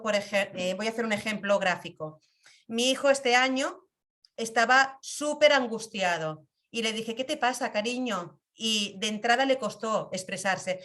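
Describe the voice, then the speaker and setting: A middle-aged woman with a Spanish accent from Spain teaching a reflective talk on emotions, slow and thoughtful, sometimes acting out quoted dialogue. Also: on the high side, fairly bright tone.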